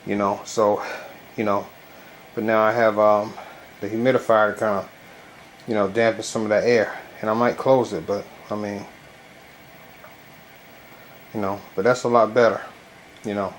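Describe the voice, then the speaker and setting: This casual, rambling home product review comes from a man in his bedroom whose fairly low, level voice sounds congested, as though gauze were stuffed in his nose. He talks loosely and haltingly, with many verbal tics, over noticeable background noise.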